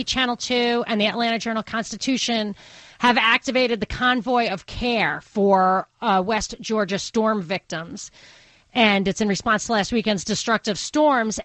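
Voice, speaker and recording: A woman radio host with a Brooklyn accent talks in a fairly high voice. Her delivery is conversational and opinionated, wandering as she thinks out loud. The sound is close and dry, as in a studio. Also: no room sound, rough recording. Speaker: radio talk show host. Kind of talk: conversational talk radio monologue. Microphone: close studio microphone.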